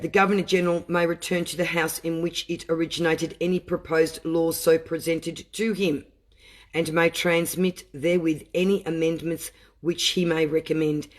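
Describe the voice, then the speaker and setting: A man who reads legal text aloud slowly and breaks into impassioned, emotional asides. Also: on the high side. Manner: deliberate reading broken by impassioned asides. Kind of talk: reading aloud and commenting.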